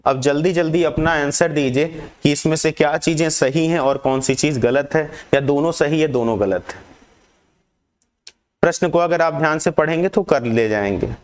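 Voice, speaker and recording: Higher-pitched man teaching an exam class. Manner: reads questions aloud, urges students to answer quickly. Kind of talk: online exam-prep lesson.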